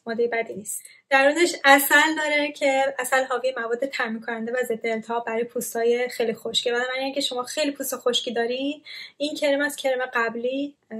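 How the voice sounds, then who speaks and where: A woman's voice: high voice, a bit bright. A young woman giving a casual, explanatory skincare product review with frequent filler sounds. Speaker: skincare content creator.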